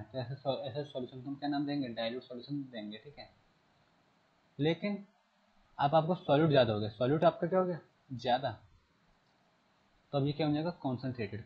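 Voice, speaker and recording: A man's voice: mid-range voice, lo-fi sound. Man teaching, repeating key terms. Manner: repeats key phrases and quizzes students; slow, deliberate reading of English text. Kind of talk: classroom lesson.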